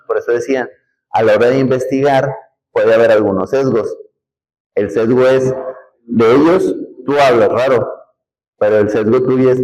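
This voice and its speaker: A man with a northern Mexican accent teaching a class in a classroom. He talks in a relaxed, conversational way, explains step by step and often checks in with the students. His voice sits at an ordinary middle pitch. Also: rough recording. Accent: northern Mexican, Nuevo León. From Nuevo León, Mexico. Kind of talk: classroom lecture.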